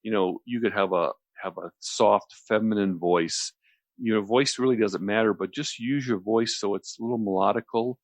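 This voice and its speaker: A man with a deep voice explains a relaxation technique conversationally as a radio host, often circling back and repeating phrases. He speaks at a moderate pace, and the recording is dry.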